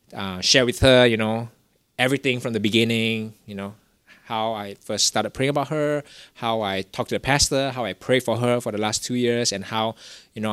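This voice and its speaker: A man's voice: on the low side, a bit bright, dry recording. Young man rambling through a story. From Singapore. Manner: rambling, many "you know" fillers and restarts. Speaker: guest telling his story. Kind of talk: casual testimony.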